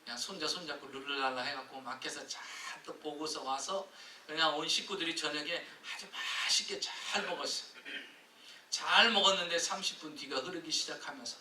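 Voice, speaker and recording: A man preaches a sermon, spinning a lively story and acting out its people. His voice is fairly high and very bright, with a sharp edge, and it rings through a big echoey hall from well away from the mic. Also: normal speed, slight background noise. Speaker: pastor. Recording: echoey church hall from a distance.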